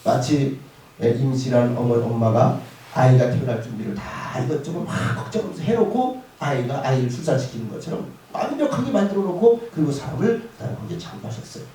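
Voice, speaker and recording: A male pastor giving a lively sermon to students in a school chapel, often asking them questions. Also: mid-range voice, brisk, a little hiss or hum. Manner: lively, asks the audience questions. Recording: echoey hall from far off.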